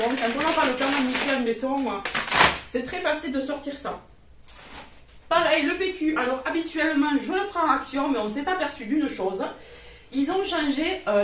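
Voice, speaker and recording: Showing her grocery haul in a casual chat, a talkative woman in her thirties from southern France speaks frankly and colloquially with a southern French accent. Her high-pitched voice is recorded from a distance, off the mic, with roomy echo and background noise.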